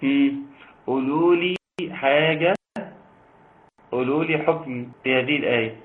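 A man with an Egyptian Arabic accent teaching an online tajweed lesson, talking briskly in explanations and reciting verses slowly in a chanting voice. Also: medium pitch. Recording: tinny phone-like line, faint noise.

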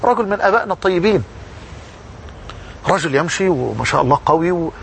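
A male preacher with an Egyptian Arabic accent delivers a sermon in a noticeably high voice. He tells his story with fervor and leans on repetition to drive each point home. A faint hiss sits under the recording. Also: expressive, fast talker, vocal fry. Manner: fervent, storytelling, repeats for emphasis.

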